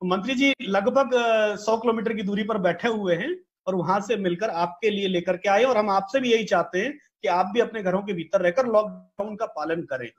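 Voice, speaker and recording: A man's voice: sits high, moderate pace, hardly any pauses, muffled recording. A man in his thirties interviewing a guest over a video call, asking polite, long-winded questions full of fillers. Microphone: video call with earphones.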